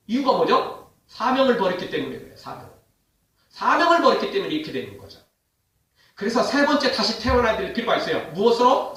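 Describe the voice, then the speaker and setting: A man's voice: very high voice, heavy reverb, far from the mic. A male pastor preaching a sermon, full of questions put to the congregation. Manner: animated preaching with rhetorical questions. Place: church sanctuary.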